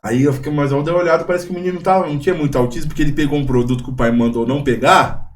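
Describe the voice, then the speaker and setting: A young Brazilian man, a missionary guest, chatting casually and telling lively stories, acting out the voices of people in them. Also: a little high, rapid-fire. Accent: Brazilian Portuguese. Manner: animated storyteller, acts out quoted voices. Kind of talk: casual chat.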